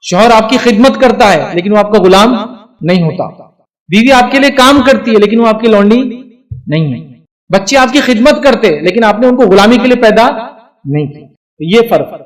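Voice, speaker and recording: A man's voice: sits high, animated, moderate pace. A middle-aged man giving a religious advice talk to a live audience, emphatic and full of rhetorical check-ins. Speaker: lecturer answering audience questions. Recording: voice picked up from a distance.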